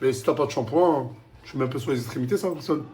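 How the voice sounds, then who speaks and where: A man, chatting excitedly and familiarly in street slang as he films a casual vlog and pitches products. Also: quick pace. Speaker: vlogger and product promoter.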